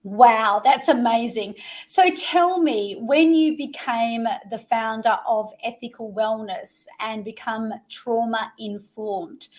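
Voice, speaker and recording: A middle-aged woman hosting a live interview show. Her voice sits fairly high, and she takes her time. She builds her lines with eager, dramatic emphasis. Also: darkish tone. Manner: enthusiastic, promotional, dramatic emphasis.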